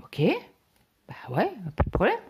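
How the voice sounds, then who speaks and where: A middle-aged woman vlogger telling a rambling story in casual chat, filling her sentences with hesitant "euh"s. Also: unhurried. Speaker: craft vlogger.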